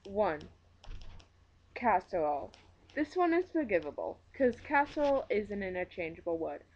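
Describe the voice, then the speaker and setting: A woman's voice: medium pitch, very animated, normal speed, lo-fi sound. A woman with a Minnesota accent giving a casual, opinionated book review rant, emphatic, blunt and joking in her exasperation. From Minnesota, USA.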